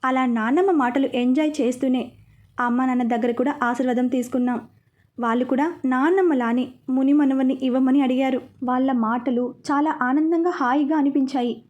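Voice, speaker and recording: A woman narrating a first-person romance story in an expressive, chatty way, asking listeners asides. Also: sits high, a little fast.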